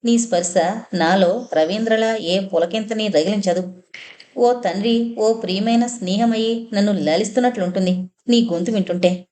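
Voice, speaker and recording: A woman's voice: mid-range voice, normal speed, warm tone, lightly acted. A woman voicing a grieving, torn young blind woman in an audiobook novel, with a tearful, pleading delivery. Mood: anguished.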